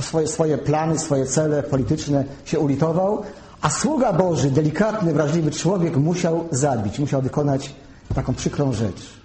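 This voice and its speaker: Mellow-voiced man preaching in an echoey hall. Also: a little high. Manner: measured teaching, spells out terms slowly. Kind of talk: sermon, Bible teaching. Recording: echoey room.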